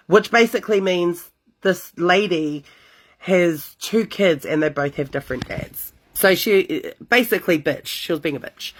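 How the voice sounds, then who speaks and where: A young woman, reading listener confessions aloud as host and reacting with sassy asides. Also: fairly low pitch. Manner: animated, sassy asides between read stories. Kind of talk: casual storytime reading with reactions.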